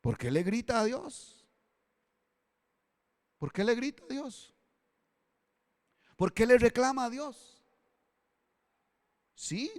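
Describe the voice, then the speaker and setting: Impassioned Costa Rican pastor, high resonant voice. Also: male voice. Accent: Costa Rican Spanish. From Costa Rica. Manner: swings from loud pleading to hushed intimate asides. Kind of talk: sermon. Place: church hall. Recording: long church-hall reverb.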